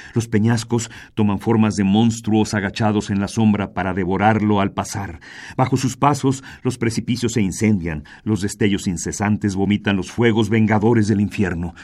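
A man's voice: on the low side, darkish tone. A man with a Mexican Spanish accent narrating a dramatic story in a varied, theatrical reading.

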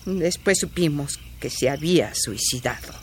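Old housekeeper, radio drama, deferential, pleading, very expressive melody. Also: female voice, low-pitched, moderate pace, a little hiss or hum. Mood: grim remembering. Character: older female housekeeper, loyal, anxious, protective.

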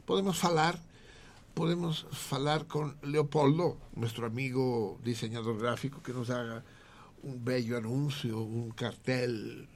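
A man's voice: medium pitch, flat delivery, a little slow, pitched above the performer's own voice. A man voicing a fussy businessman in a joke, stretching and stressing his words. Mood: emphatic. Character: fussy Galician businessman talking up advertising.

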